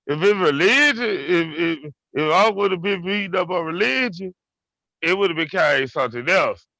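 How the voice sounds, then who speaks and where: High, animated man blurting blunt jabs. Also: normal speed, no room sound. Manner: blunt, profane interjections. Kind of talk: heated debate.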